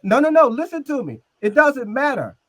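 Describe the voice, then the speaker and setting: Man, high voice, dry close sound, insistent and methodical in argument. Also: very animated, normal speed, fairly bright tone, no echo. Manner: insistent, explains step by step. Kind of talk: heated group debate.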